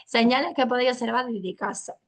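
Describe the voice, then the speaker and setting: Spanish-accented woman therapist, slightly high pitch, fry on phrase ends, chatty, patient teaching tone. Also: a little fast. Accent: Spain Spanish. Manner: colloquial, explaining patiently to parents. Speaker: speech therapist. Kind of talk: family training talk.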